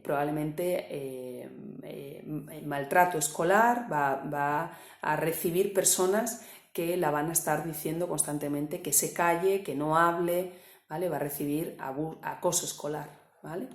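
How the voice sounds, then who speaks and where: A woman coach, calmly explaining a topic with examples and often checking with the listener. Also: sits low, reverberant. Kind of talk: explanatory talk to camera.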